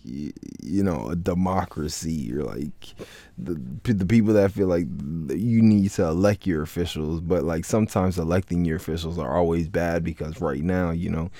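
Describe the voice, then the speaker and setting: A deep-voiced man hosting a solo podcast, with a mellow, dark tone recorded close and dry. He talks casually and rambles, leaning on filler words and restarting his sentences. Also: normal speed, no echo. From Florida, United States. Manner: rambling, heavy on "like, you know" fillers and restarts. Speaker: podcast host.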